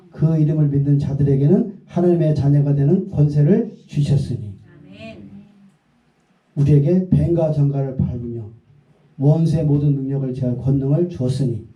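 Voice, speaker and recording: A man's voice: medium pitch, moderate pace. A man pastor preaching a sermon. He reads scripture aloud, then retells it with dramatic quoted lines and rising proclamations. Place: church sanctuary. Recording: echoey church hall, distant mic, dull sound.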